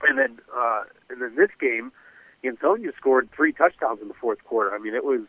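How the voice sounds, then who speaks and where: A man's voice: mid-range voice, very animated, moderate pace, creaky, dry recording. A male sportswriter with a nasal, blocked-sinus voice, breaking down a football game play by play over the phone. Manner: detailed, recounts plays with many uhs. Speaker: sportswriter guest. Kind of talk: casual sports analysis. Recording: tinny phone line.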